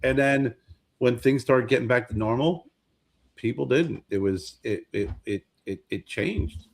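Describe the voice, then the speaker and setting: A man's voice: medium pitch, unhurried, vocal fry. A man in his fifties co-hosting a podcast, chatting casually and often repeating words as he searches for the next one. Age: 50s. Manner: rambling, repeats words while searching for them. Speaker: podcast co-host. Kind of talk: casual chat.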